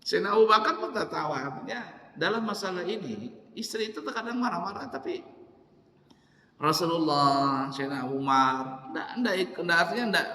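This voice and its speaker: A man gives a casual storytelling sermon, animated and jokey, often repeating his phrases for effect. His voice sits a little high and rings bright and forceful. The sound is roomy, trailing a long hall reverb. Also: moderate pace, slight background noise. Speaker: preacher.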